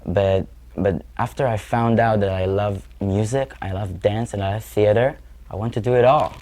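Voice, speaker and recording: A young Israeli musician in his twenties, speaking with an Israeli accent, answers interview questions earnestly as a guest and sometimes searches for words. His lowish voice is a little mellow, with fairly even intonation and a normal speed.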